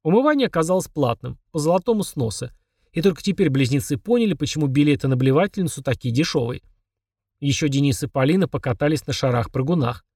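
Guy narrating an audiobook, kinda high voice, dry close sound. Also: expressive, quick pace, a little mellow, husky, no room sound, far from the mic. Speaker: audiobook reader. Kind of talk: scripted narration.

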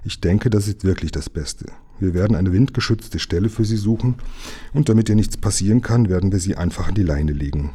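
A gruff, unhurried engine driver with a deep, very dark, husky grumble, as a man reading a storybook aloud puts him on. He speaks calmly and steadily, like a dependable grown-up in a storybook. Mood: steady. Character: sturdy adult male engine driver, calm and gruff.

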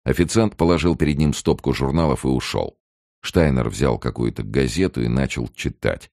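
Deep, gravelly male audiobook narrator. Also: darkish tone, no room sound, clean studio sound. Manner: measured, serious reading. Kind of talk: scripted narration.

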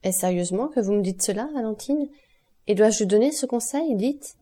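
Ardent young lover read by a woman narrator, urgent and earnest, soft warm tone. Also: medium pitch, animated, moderate pace, close to an everyday voice. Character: young man, ardent, passionate, desperate lover. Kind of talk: audiobook character reading.

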